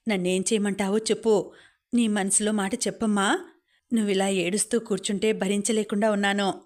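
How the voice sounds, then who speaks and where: Audiobook: gentle devoted daughter, read by a woman narrator; soft, even delivery. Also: mid-range voice, normal speed, natural voice. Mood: pleading, tender. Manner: soft, pleading and affectionate.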